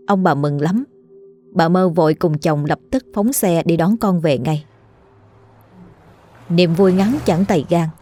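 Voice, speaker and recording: A woman storyteller reading a ghost story in a steady, solemn scripted narration. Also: fairly low pitch.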